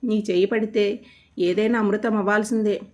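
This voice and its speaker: A woman's voice: mid-range voice, fairly even intonation, moderate pace, darkish tone, muffled recording, natural voice. A woman voicing a sweet, cheeky young woman who talks in a coaxing, admiring way in a storybook reading.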